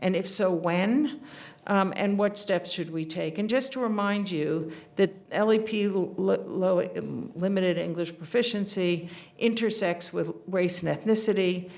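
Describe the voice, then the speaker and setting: A middle-aged woman giving an academic seminar lecture, earnest, often pausing on fillers and restarting her sentences. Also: fairly low pitch, gravelly, a little mellow. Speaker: invited seminar speaker.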